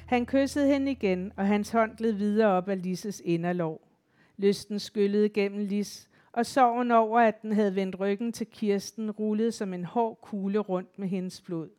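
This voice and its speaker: A woman narrating a literary novel as an audiobook, in an even, measured manner. Her voice sits at a middle pitch. Faint music plays in the background.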